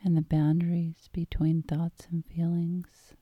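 A woman guiding a hypnosis meditation in a calm, soothing tone, soft and breathy, often close to a whisper. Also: fairly low pitch, unhurried, no room sound, muffled recording. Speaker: hypnosis guide.

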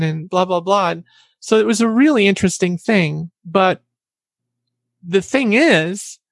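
Animated storyteller woman, dry close sound. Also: lowish voice, vocal fry, no room sound. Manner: animated, acts out other people's lines in the story. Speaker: guest. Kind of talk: personal storytelling in an interview.

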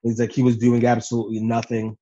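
A man with a mid-pitched voice on a slightly dull, lo-fi recording. He recaps events in loose podcast chat, acting out what others said and swearing freely. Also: completely flat delivery, fast, mellow, breathy edge. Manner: swears freely, acts out quotes. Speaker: podcast co-host. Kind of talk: casual animated recap chat.

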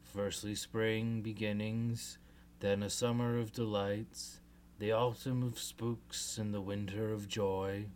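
A woman voicing a wise old male owl in a storybook, speaking slowly and in a hushed, deliberate way. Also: very deep voice, little pitch movement, slight background noise, voice pushed down. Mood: solemn.

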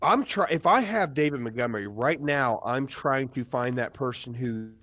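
A man's voice: medium pitch, expressive, moderate pace, pushed and bright, no echo. Teasing, argumentative man on a remote podcast. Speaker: podcast co-host. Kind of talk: casual fantasy football chat. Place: home, recording remotely. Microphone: remote call mic.

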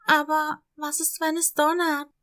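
A woman's voice: sits high, little pitch movement, unhurried, a bit bright. Woman voicing a timid little kitten girl. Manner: fearful, hesitant.

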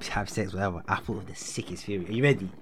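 A man's voice: sits low, racing, fairly bright tone, a little hiss or hum. A young man in his twenties with a London roadman accent, chatting casually in heavy slang and tagging phrases with "innit" and "yeah". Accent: London, urban roadman slang style. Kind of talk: animated casual chat.

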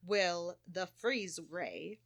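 A woman plays a cool, scheming villain mastermind in a comic radio play. She speaks in clipped, menacing tones in a fairly low voice. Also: lively intonation, very slow, exaggerated voice. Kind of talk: comic old-time radio play acting.

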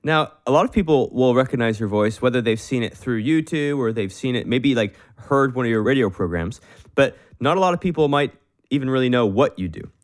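A man's voice: medium pitch, animated, fairly quick. A man hosting a faith podcast, chatting with his guest in an earnest, rambling way. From Canada. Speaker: podcast host. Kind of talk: casual interview chat.

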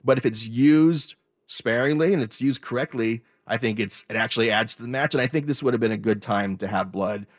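Male sports radio co-host, conversational and opinionated, average pitch, repeats points for emphasis. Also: fairly quick, dry recording, clean studio sound. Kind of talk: casual opinionated sports chat.

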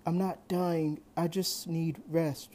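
A young amateur reader voicing an exhausted young woman who speaks softly and faintly. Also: medium pitch, level tone, slow, close to an everyday voice. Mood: weak. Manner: soft, faint and weary.

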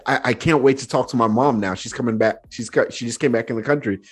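A young man hosting a podcast, telling stories in a relaxed, chatty way full of "like" fillers. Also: medium pitch, quick pace, husky, faint music behind. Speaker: podcast host. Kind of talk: casual conversational storytelling.

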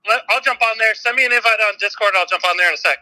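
A man's voice: high voice, racing, sharp tone, rough recording. A man calling in over a phone on speakerphone, chatting casually and telling a rambling story with frequent laughs. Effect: heard over a phone on speakerphone. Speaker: caller, friend of the hosts. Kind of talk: casual chat.

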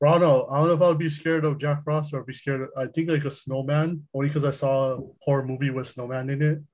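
A man with a slightly high voice hosts a loose group chat, rambling and giggling through his words. He keeps breaking into laughter and rarely finishes a thought cleanly. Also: steady tone, a little fast, a little mellow. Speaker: podcast host. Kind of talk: casual chat.

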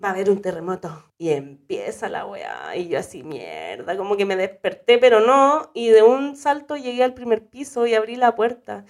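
A young woman with a Chilean accent telling a story in casual chat, animated, shrieking when she quotes people. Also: on the high side, moderate pace, hardly any pauses. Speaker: podcast co-host.

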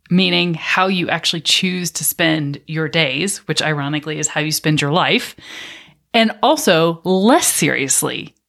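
Low, gravelly-voiced woman podcast host. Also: fairly bright tone. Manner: thoughtful, reflective. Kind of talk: casual podcast chat.

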